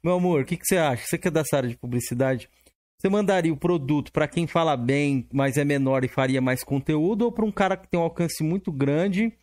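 Brazilian portuguese accent guy hosting a livestream, high voice, loose slangy chatting. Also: fast talker, darkish tone, no echo, clean studio sound. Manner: slangy, conversational. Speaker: live stream host. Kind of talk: casual live chat.

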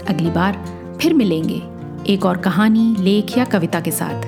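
A woman reading a story aloud in a measured, even storytelling manner, as the host of a story channel. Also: medium pitch, creaky, over music. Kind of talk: scripted story narration.

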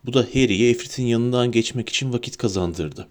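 A man narrating a storybook in a lively, dramatic reading. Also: mid-range voice, a little fast. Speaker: audiobook narrator.

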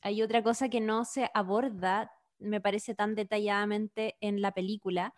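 A woman with a Chilean Spanish accent in a casual podcast chat, giving long, animated explanations full of slang. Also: mid-range voice, moderate pace.

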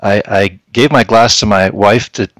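A man's voice: fairly low pitch, steady tone, moderate pace, a bit bright, no echo. A man co-hosting a podcast in casual chat. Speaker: podcast co-host.

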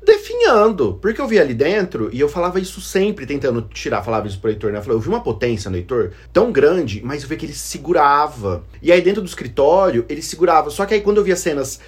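A man co-hosting a casual podcast chat, telling stories in an animated way and laughing often. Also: a little high, quick pace, few pauses, breathy edge. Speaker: podcast co-host.

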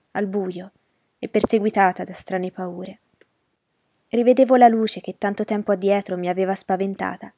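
A woman narrating in the first person as the heroine of a radio drama, measured and emotional. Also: mid-range voice, dark tone, no echo, clean studio sound.

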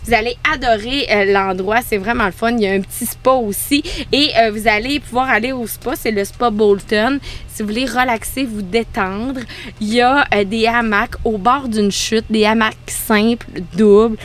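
A woman's voice: on the high side, fairly even intonation, moderate pace. A woman from Saguenay with a Quebec French accent, co-hosting a podcast and chatting enthusiastically about road-trip spots, laughing often. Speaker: podcast co-host. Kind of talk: casual chat recommending road trips. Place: on a pontoon boat.

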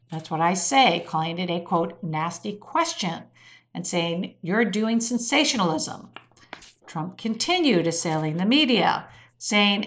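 A woman's voice: medium pitch, a bit bright. A woman narrating a scripted weekly news summary, marking each quotation aloud. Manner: reads quotes with air quotes.

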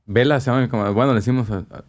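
Un hombre con acento sinaloense que cuenta anécdotas en una charla informal, con mucha jerga e imitando las voces de otros. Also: male voice, medium pitch, racing. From northwestern Mexico. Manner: slangy, animated storytelling with acted-out quotes. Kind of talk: casual storytelling chat.

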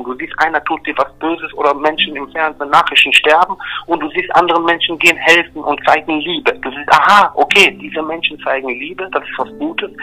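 Emphatic bright-voiced man explaining faith. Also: a little high, low-quality recording. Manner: emphatic, repetitive, checks in with "ja?" and "verstehst du?". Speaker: religious explainer. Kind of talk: earnest one-on-one religious explanation.

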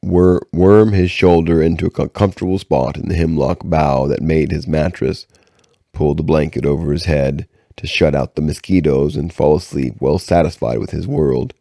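Male audiobook reader: very low, dark voice, dry close sound, unpolished measured reading. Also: steady tone, gravelly, dry recording. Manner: measured reading with occasional stumbles and restarts. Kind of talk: reading a novel aloud.

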